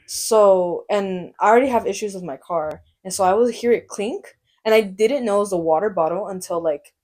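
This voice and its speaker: A woman's voice: medium pitch, normal speed. A woman in her twenties telling a story in a casual chat with her sister, acting out what people said. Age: 20s. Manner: animated storytelling, acts out quotes. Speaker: podcast co-host.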